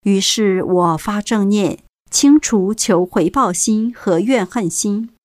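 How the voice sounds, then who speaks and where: Slow, measured woman reader. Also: mid-range voice, darkish tone. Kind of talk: scripted first-person narration.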